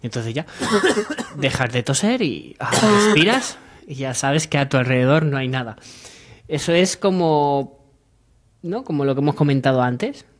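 A man's voice: a little high, moderate pace, pauses often. A young man from Madrid, joking and acting out dialogue as humor contributor in a small radio studio. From Madrid, Spain. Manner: animated, gesturing, acts out dialogue in voices. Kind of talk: comedic radio chat. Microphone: desk mic on stand.

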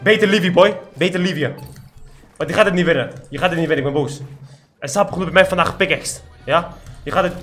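A man's voice: sits high, fast, fairly bright tone, soft background music. A young man giving boastful, trash-talking commentary over his own gameplay. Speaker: gaming YouTuber.

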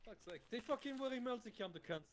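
A man's voice: very high-pitched, lively intonation, fast. A man chatting casually over voice chat in a military game, swearing freely. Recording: faint noise on game voice chat.

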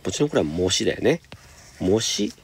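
A man teaching high school English, patiently explaining homework step by step and reading example sentences slowly. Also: sing-song, gravelly, slight background noise. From Japan.

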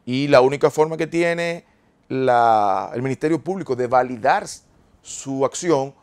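A man speaks as a guest lawyer in a TV interview. His voice has a gravelly, creaky edge, and he sits at an ordinary middle pitch. He phrases things carefully and formally, like a legal explanation. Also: a little slow, darkish tone.

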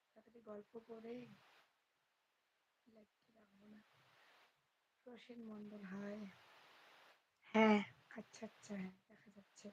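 A woman chatting casually with viewers on a late-night live stream from her home, talking softly so her sleeping daughter stays asleep. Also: on the high side. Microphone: phone. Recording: dull lo-fi phone audio.

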